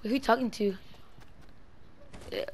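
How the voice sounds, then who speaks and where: A woman with a highish voice chatters excitedly while playing a game with a friend, swearing freely. A faint hiss of noise sits under her voice. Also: normal speed. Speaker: gaming friend. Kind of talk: casual gaming chat.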